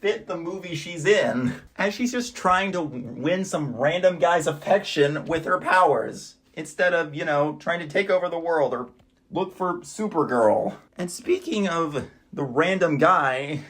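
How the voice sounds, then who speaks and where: A man's voice: a little high, animated, unhurried, fairly bright tone, breathy edge. A man giving a casual, wry voice-over review of movies he watched, with dry asides.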